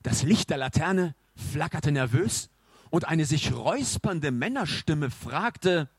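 A man reading a storybook in an expressive, measured narration. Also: fairly high pitch, slightly rough, dry recording, studio quality.

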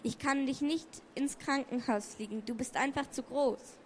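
A woman's voice: high voice, moderate pace, a little hiss or hum. A woman reading a children's story aloud, taking turns with another reader.

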